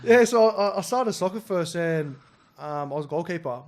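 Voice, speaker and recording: Brief: young Aussie man in his twenties, guest on a casual chat, soft-spoken and hesitant, sits a little high in his register. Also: lively intonation. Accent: Australian. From Australia. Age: 20s. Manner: halting, many fillers and restarts, soft-spoken. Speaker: guest, rugby league player.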